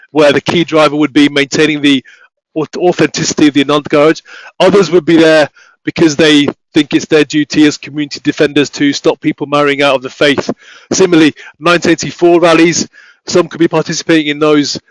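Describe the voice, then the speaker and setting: A man giving an academic talk, speaking haltingly with many restarts and fillers. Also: a little high, no room sound, poor audio. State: voice failing, coughing. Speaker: academic researcher presenting.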